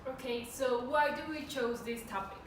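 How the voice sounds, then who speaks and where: A woman in her twenties from Mexico giving a student class presentation in a steady way, with a few fillers. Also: on the high side, moderate pace. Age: 20s. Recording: echoey room, far from the mic, background noise.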